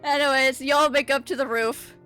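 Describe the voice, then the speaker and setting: A young woman running a tabletop game as game master, giggly and lively, with lots of fillers. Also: high voice, moderate pace, faint music behind.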